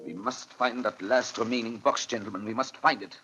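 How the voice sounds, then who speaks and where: An actor playing a grave, commanding doctor who hunts a vampire, solemn and declamatory in a 1930s radio drama. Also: male voice, mid-range voice, fairly quick, pushed and bright, soft background music, close to an everyday voice. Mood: fervent urgency. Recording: muffled, hissy 1930s radio recording.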